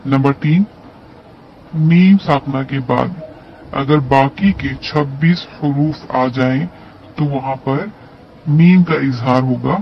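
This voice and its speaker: A man's voice: mid-range voice, slow pace, pauses often, dull audio, slight background noise. A man with an Urdu accent teaching Quran recitation rules patiently, drawing out each recited example. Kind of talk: tajweed lesson with slow recited examples.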